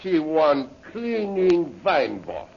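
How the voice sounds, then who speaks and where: A gravelly, high-pitched male henchman, French, rough, and fawning, brags eagerly in broken English scattered with French exclamations, jealous and boastful. It's heavily acted 1930s radio adventure drama, very animated yet slowly paced, on a muffled old-time recording with slight background noise.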